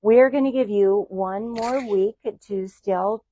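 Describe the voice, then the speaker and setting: A woman's voice: medium pitch, takes it slowly, mellow, low-quality recording. A woman co-hosting a fabric shop livestream in a casual, chatty way, laughing and teasing often. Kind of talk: casual live chat.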